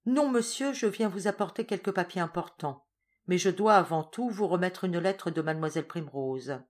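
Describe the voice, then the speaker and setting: A woman's voice: on the low side, moderate pace, darkish tone, natural voice. A woman reading an audiobook voices a formal male notary who is polite but insistent. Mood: firm.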